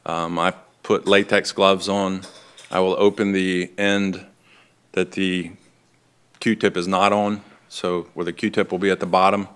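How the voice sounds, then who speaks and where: A man's voice: low voice, flat delivery, unhurried, a bit bright, clean tone. A man testifying in court as a lead detective, polite, formal and matter-of-fact in his answers. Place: indoor courtroom.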